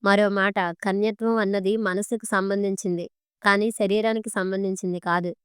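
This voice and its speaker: A woman narrates an audiobook story in a Telugu accent, voicing each character's lines herself without changing her voice. Her voice is very smooth and clear. The recording is dry and close, with no room sound. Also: medium pitch, level tone, moderate pace, dry recording. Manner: reads all characters' dialogue in her own voice.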